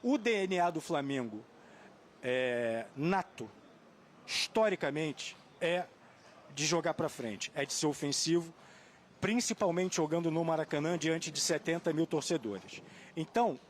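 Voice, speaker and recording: A man giving studio football analysis in a thoughtful, measured way, sometimes searching for a name. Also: a little high, a little hiss or hum. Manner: thoughtful, hesitant, searching for names. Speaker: football pundit.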